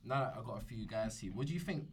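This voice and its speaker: A man's voice: mid-range voice, expressive, fast, husky. Young London man over noticeable background noise. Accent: London, urban street English. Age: young adult. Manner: London roadman slang, with bruv, fam and mad. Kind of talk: casual group discussion.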